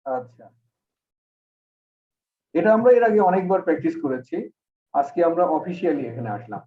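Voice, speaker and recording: A man's voice: on the high side, lively intonation, moderate pace. Man teaching an online grammar class. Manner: patient, explains step by step. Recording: echoey, distant, phone-like call audio.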